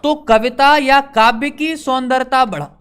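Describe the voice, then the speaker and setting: A man teaching an exam-prep lesson. He repeats each point, quizzes listeners with questions, slows down on key words and adds teasing asides. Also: extremely high pitch, fairly bright tone, clean tone.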